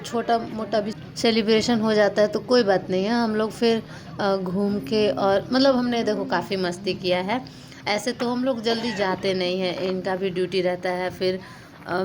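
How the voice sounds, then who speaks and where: A woman's voice: mid-range voice, a little mellow, a little hiss or hum. A young adult woman narrating a casual vlog in a chatty, rambling way with lots of fillers. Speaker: vlogger.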